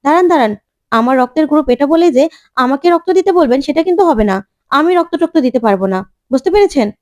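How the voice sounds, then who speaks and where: A quick-tempered young woman argues back indignantly in a retold family serial, voiced by a woman narrator. She speaks fast and high. The recording is dry. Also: expressive, darkish tone, no room sound. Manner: indignant, argumentative.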